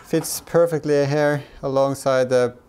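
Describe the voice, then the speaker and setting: This thirty-something car DIY vlogger talks through his work hesitantly and casually, moving between a garage workshop and the back of a car. His voice is medium-pitched, steady, unhurried, darkish and smooth.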